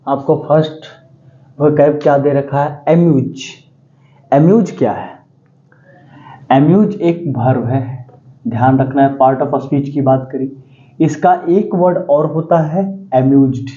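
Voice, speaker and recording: A man teaching exam vocabulary in a lecture, repeating key words slowly and quizzing his students. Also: a little high, narrow, tinny audio. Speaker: English teacher.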